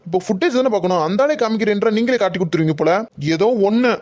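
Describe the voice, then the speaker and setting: A man's voice: high voice, expressive, racing, darkish tone. A man voicing a pushy investigating officer who talks down to staff and scolds impatiently. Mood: bossy. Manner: bossy, scolding.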